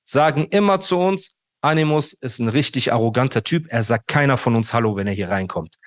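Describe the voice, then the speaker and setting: A man's voice: mid-range voice, fairly quick, dry recording, studio quality. Man retelling a feud, acting out voices. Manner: animated, acts out quoted dialogue, says "Bruder" often. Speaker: guest telling his story. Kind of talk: casual storytelling interview.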